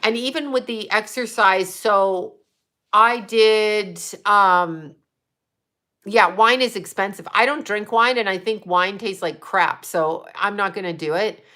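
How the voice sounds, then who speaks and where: A woman in her fifties hosts a casual livestream, answering viewer comments and trash-talking trolls between chatty tips. Her medium-pitched voice has a sharp edge, and she takes things slowly, speaking bluntly and with plenty of profanity.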